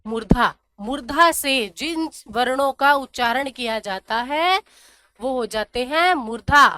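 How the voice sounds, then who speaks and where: A woman teaching a grammar lesson, slowly repeating syllables and asking questions that she answers herself. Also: high voice, expressive, bright, forceful tone. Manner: drills syllables slowly, asks and answers her own questions. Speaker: Sanskrit teacher.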